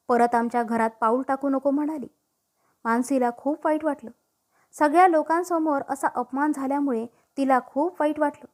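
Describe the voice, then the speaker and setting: A woman narrating a written story in a steady, even reading voice. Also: high-pitched.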